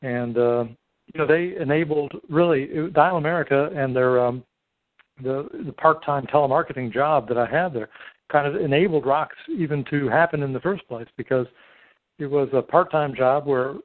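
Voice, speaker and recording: A middle-aged man hosts a podcast over a three-way phone call, his voice a little high and the recording dry. He chats casually but hesitantly, halting and wordy, and the phone line gives everything a tinny sound.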